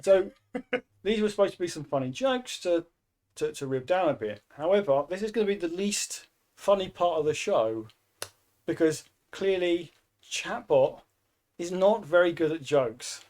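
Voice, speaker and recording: Brief: male podcast co-host, slightly higher voice, wry and teasing, builds up jokes dramatically. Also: expressive, a little slow, darkish tone. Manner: wry, mock-dramatic build-ups, swears freely. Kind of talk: casual banter.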